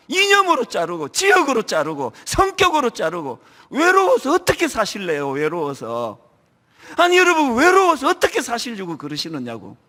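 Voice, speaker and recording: A middle-aged man from the region preaching a sermon, lively and acting out church members in quoted asides. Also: very high voice. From Gyeongsang region, Korea. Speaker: pastor. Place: large church sanctuary. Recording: long hall reverb.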